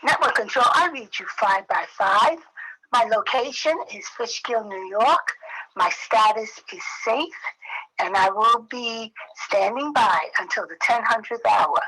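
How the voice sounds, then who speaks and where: A woman checking in on a radio net, heard over a two-way radio, giving her status in brisk radio procedure. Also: fairly high pitch, sharp tone, husky, rough recording.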